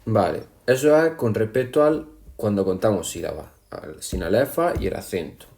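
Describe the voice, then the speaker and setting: Low mellow male teacher, patient explaining. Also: expressive. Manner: patient, counts syllables aloud slowly, addresses students directly. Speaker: language teacher. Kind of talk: classroom explanation over slides.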